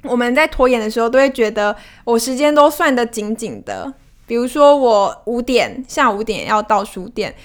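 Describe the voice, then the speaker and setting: Woman cohost on a book podcast, a bit high, thinks out loud calmly. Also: moderate pace. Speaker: podcast co-host. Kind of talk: casual book discussion.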